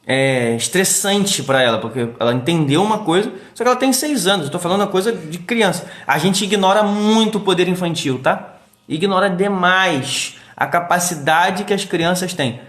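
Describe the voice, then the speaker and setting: Middle-aged Brazilian male therapist, live-stream host; slightly high voice, animated delivery, roomy echo. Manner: animated, acts out quick quoted voices. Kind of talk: casual live-stream talk. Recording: echoey room.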